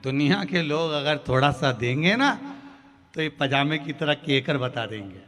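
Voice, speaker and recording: A middle-aged man giving a devotional discourse, telling a comic parable and acting out the characters' dialogue with lively shifts of voice. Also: on the high side, normal speed, big-room sound. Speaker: kathavachak, religious storyteller.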